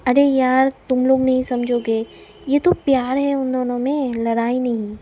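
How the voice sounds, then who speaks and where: A woman's voice: high voice, flat delivery, measured pace, warm tone. A woman doing Shreya, a teasing bossy cousin. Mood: scolding. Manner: mocking, teasing.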